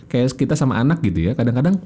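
A man, a guest explaining communication in a casual chat, animated and fond of acting out examples. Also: mid-range voice, racing, slightly rough.

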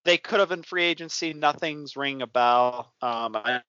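Casting: male sports co-host, mid-pitched, easygoing and self-mocking, talking over a dull, dry lo-fi line. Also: normal speed, bright, forceful tone, dry recording. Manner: loose and self-deprecating, many ums. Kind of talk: casual sports chat.

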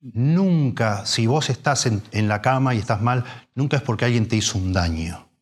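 A man's voice: medium pitch, animated, normal speed. A man, preaching a sermon in a conversational way, full of restarts and rhetorical questions.

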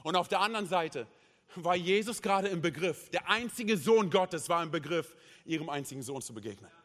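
A man with a high-pitched voice preaches a sermon, his delivery impassioned and swinging between loud declarations and hushed passages. He keeps tagging his sentences with quick "hey" and "oder?" asides to the congregation. His voice carries a long reverb from a large church hall. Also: expressive. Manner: peppers speech with "hey" and "oder?" tags. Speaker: pastor.

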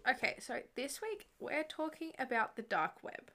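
A woman's voice: high voice, very animated, moderate pace, bright, forceful tone. A woman in her twenties co-hosting a podcast, chatty and explanatory in casual talk. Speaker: podcast co-host. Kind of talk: casual chat.

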